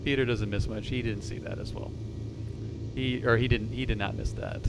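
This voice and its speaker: A man giving relaxed, chatty and playful livestream commentary as a flight-sim pilot. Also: moderate pace. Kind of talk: casual livestream commentary mixed with radio read-backs. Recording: loud engine rumble and cabin noise. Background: simulated aircraft engine noise.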